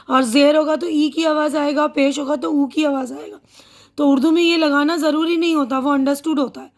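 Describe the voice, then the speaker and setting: A woman teacher giving a slow, patient reading lesson to young children, sounding out syllables and repeating them. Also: high-pitched. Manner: explains slowly, reads syllables aloud and repeats them.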